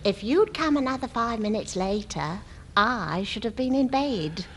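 A woman's voice: fairly high pitch, lively intonation, unhurried, a bit bright, a little hiss or hum. An actress playing a flustered, coy widow who talks through the mail slot of her closed front door. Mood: coy, fussing. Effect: talking through a mail slot in a closed door. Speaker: sitcom character. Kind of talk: sitcom acting.

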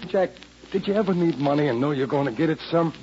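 Man acting touchy braggart boxer, slangy, highish animated voice, muffled old radio drama recording. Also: fast talker, a little hiss or hum, close to an everyday voice. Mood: earnest pleading. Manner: slangy, ungrammatical street talk. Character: cocky, touchy tough-guy boxer, insecure braggart.

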